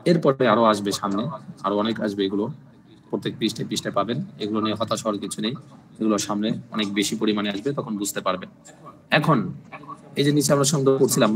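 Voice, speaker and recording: A man teaching a language class, explaining slowly and patiently and repeating each phrase with its translation. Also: fairly low pitch, fairly bright tone. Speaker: Arabic teacher. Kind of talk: online language class in Bengali. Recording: noisy recording with clicks.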